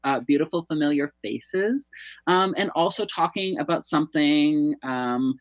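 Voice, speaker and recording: A man's voice: fairly high pitch, measured pace, no room sound, highs cut off. A man with the campy, theatrical, gushing flair of a drag queen, chattily hosting a casual talk show.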